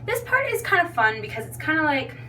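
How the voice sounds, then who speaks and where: A woman's voice: high-pitched, big pitch swings, brisk, pushed and bright. A young woman giving a casual, chatty tutorial in a loose, tipsy, giggly and self-deprecating manner. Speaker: makeup tutorial vlogger. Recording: distant mic with background noise and hum.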